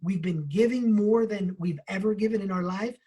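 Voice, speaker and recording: Guy telling a story at his book club, husky voice, lively, swears a bit. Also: high voice, normal speed. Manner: animated, swears casually. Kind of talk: casual storytelling.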